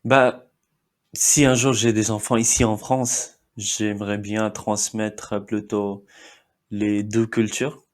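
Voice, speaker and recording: Speaking slowly with a lowish voice and flat delivery, a Marathi-speaking man from India in his thirties talks casually as a podcast guest. He uses many fillers and laughs briefly throughout the interview.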